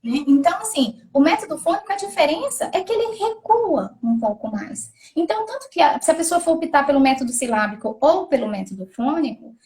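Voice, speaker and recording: A woman's voice: sits high, sing-song, fairly quick, hardly any pauses, darkish tone. A woman educator explaining reading methods in a thoughtful conversational way, often restarting and repeating words. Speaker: literacy educator.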